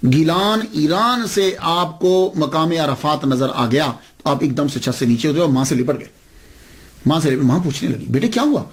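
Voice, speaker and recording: Male preacher, high voice, emphatic sermon storytelling, rhetorical questions. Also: fairly bright tone.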